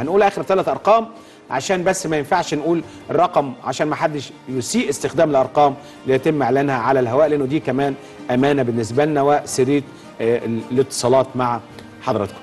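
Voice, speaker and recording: A man's voice: mid-range voice, a little mellow. A middle-aged man with an Egyptian Arabic accent hosting a live TV prize draw, announcing the giveaway in a hyped, emphatic, repetitive manner. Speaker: TV host. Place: TV studio. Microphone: lapel.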